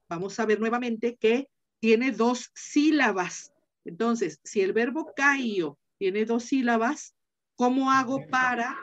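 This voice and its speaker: A woman's voice: a little high, muffled recording. A woman teacher giving an online class, explaining step by step, repeating key points and checking in with her students.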